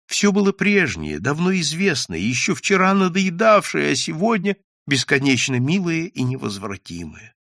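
A man reading a story aloud in a lively way, lifting his voice for the characters' lines. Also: normal speed, hardly any pauses, no room sound, clean studio sound. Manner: lively, raises pitch and volume for characters' quoted lines. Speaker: audiobook narrator. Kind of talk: scripted narration with character voices.

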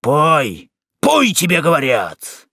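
A man's voice: medium pitch, sing-song, unhurried, dry recording, clean studio sound, heavily acted. A man voicing a coarse, drunken male cobbler-jailer who bullies and snarls in an audiobook. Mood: bullying. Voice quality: growling, coarse. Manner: bullying, shouting. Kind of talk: audiobook character reading.

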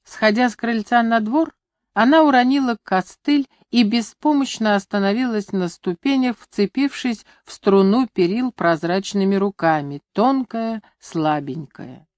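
With a mid-range voice in a studio-quality recording free of room sound, a woman narrates a novel as an audiobook narrator. The scripted literary reading is steady, even and measured.

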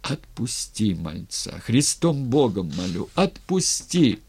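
A man's voice: mid-range voice, sing-song, slow, a little mellow, husky, heavily acted. A man voicing a Cossack man who begs his chieftain in a trembling voice. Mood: tearful pleading. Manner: pleading, trembling voice. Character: grown male Cossack friend, pleading tearfully.

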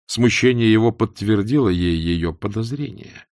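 Deep-voiced male narrator, measured literary reading, dry close recording. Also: a little mellow, no room sound. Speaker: audiobook narrator.

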